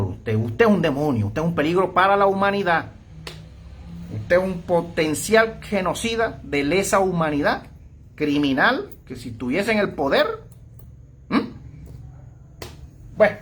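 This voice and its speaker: Husky, confrontational preacher man. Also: on the high side, a bit bright. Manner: confrontational, repeatedly addresses listener with "¿mm?" and "¿ah?"; mocks opponents by acting out their voices. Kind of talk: online sermon monologue.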